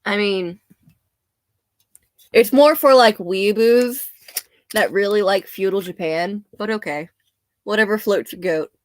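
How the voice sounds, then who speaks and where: A young woman, a bit hoarse, chatting casually and laughing often as she rambles. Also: medium pitch, a little slow, pauses often. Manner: chatty, laughs often, self-deprecating asides. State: slightly hoarse.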